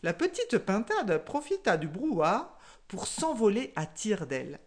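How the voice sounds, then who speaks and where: A woman telling a folktale aloud with slow, measured phrasing and dramatic pauses. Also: medium pitch, huge pitch swings. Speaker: storyteller. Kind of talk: oral folktale narration.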